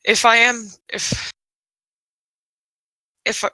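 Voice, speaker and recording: A woman's voice: on the high side, little pitch movement, pushed and bright, no echo, full character voice, poor audio. A woman playing a shy winged dragon-kin. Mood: hesitant. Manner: hesitant, halting, full of restarts and ums. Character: shy female Manakete with wings. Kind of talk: in-character role-play.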